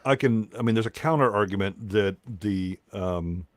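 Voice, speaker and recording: A man's voice: lowish voice, moderate pace, no room sound. A man in a casual chat, laying out arguments through rhetorical questions. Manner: reasoned, asks rhetorical questions.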